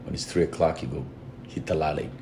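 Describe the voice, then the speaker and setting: Male guest, extremely low voice, earnest and reflective storyteller. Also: fairly even intonation, fast talker, background noise. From Fiji. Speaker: guest, lead singer of a reggae band. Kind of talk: casual interview conversation.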